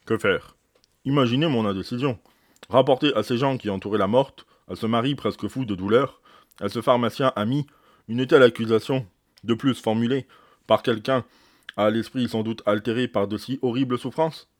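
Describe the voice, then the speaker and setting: A man reading aloud as a proud, precise senior doctor, recounting events in a measured, explanatory way. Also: medium pitch, no echo, studio quality, lightly acted. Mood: grave recounting. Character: eminent older male doctor, proud, precise.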